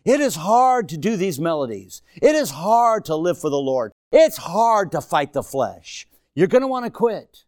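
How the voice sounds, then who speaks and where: A man's voice: high voice, big pitch swings, unhurried, hardly any pauses, darkish tone, no echo, studio quality. A man in his sixties preaching a sermon to a congregation, emphatic and exhorting, repeating phrases for effect. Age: 60s. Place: church before a congregation.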